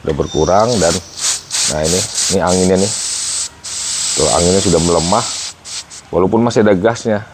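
A man in his thirties with a low-pitched voice reviews a camping stove in an outdoor patio garden, speaking briskly but pausing often. Background noise runs under this casual vlog, where he explains each step and addresses viewers as guys.

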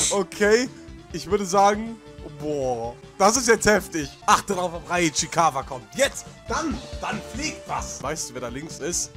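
A man doing gameplay commentary as a let's play host, prone to shouted outbursts and swearing, with game music behind him. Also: high-pitched, vocal fry. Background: video game music.

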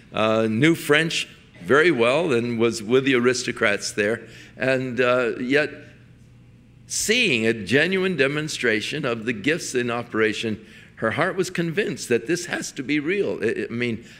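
A man's voice: mid-range voice, a bit bright. An older man, a pastor, preaching a sermon in a folksy storytelling way, chuckling now and then and restarting his sentences.

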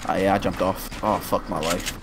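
A man's voice: deep voice, flat delivery, normal speed, noisy background. A man bantering casually and swearing freely as he plays a shooter game. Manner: foul-mouthed banter. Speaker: gamer. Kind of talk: casual chat while playing a shooter game. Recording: game gunfire and clicks under voice. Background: game gunfire and clicking.

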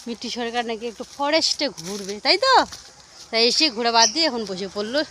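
A woman with a slightly hoarse voice, chatting casually to viewers as a vlogging mother and narrating what she is doing. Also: a little high, animated, fast, sharp tone, slight background noise.

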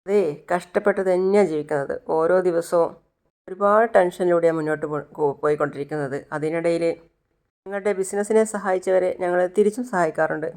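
A woman voicing a sly, smooth-talking young husband in a spoken serial recap. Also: sits high, steady tone, fairly quick, a little mellow. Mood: persuasive.

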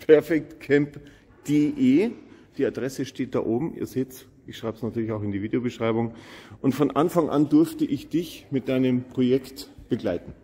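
A chatty camping vlogger talks informally in a big showroom hall. His voice sits mellow and dark, and a long hall reverb trails every phrase. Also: medium pitch, a little slow, slightly rough. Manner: chatty, informal, enthusiastic asides. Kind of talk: casual on-location chat. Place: camper showroom, large indoor hall.

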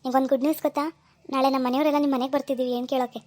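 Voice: sits high, flat delivery, rapid-fire, a little mellow, no echo, close to an everyday voice. A performer playing a young rich man's son who hid his wealth, coaxing and pleading with his fiancée on the phone. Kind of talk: amateur phone-call drama.

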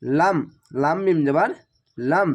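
Teacher spelling out Quran words. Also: male voice, a little high, animated. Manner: spells each letter and vowel, then slows to chant the whole word.

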